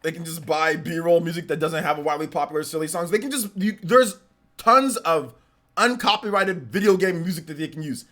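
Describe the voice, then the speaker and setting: A man in his mid-forties hosts a live reaction stream and rants at length. His voice is bright and cutting. He sounds exasperated and circles back over the same points. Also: on the high side, fairly quick. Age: 40s. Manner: ranting, repetitive, exasperated. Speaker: livestreamer.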